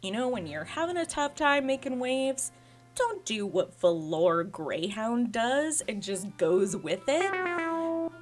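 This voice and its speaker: A woman's voice: on the high side, big pitch swings, takes it slowly, over music. A woman streaming a dating sim game, reading its text aloud and joking about it with a giggly, sarcastic manner. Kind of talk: casual let's-play commentary.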